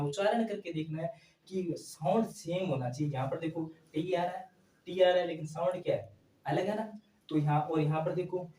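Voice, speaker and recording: A man's voice: a little high, warm tone, far from the mic, a little hiss or hum. A male teacher giving a grammar lesson, asking a question and answering it himself again and again on his phrases. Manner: repetitive call-and-response questioning. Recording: echoey room, voice from off-mic.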